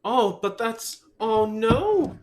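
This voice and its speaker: A streamer in their thirties chatting playfully with friends, the pitch bouncing all over the place. Clear music plays steadily underneath. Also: big pitch swings, very slow. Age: 30s. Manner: bubbly, playful, giggly asides. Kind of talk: casual live-stream chat.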